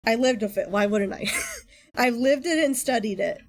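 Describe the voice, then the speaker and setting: A woman with a fairly high voice talks as a livestream host. Her delivery is informal and rambling, like casual chat with viewers between videos. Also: moderate pace. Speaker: streamer, VTuber host.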